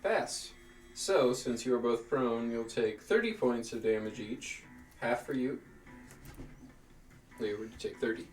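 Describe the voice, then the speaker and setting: A man's voice: mid-range voice, measured pace, pauses often, recorded from a distance. A man running a tabletop role-playing game as game master, narrating events and calling out rolls. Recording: roomy, off-mic, music behind.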